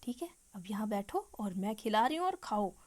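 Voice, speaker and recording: A woman voicing a calm, caring woman who coaxes gently but firmly. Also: medium pitch, normal speed. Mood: tender. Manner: soft, coaxing, quietly firm.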